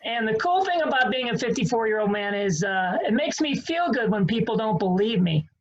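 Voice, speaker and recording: A man's voice: sits high, expressive, a little fast, dull audio. A man in his fifties delivering a dry stand-up monologue. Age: 50s. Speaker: comedian.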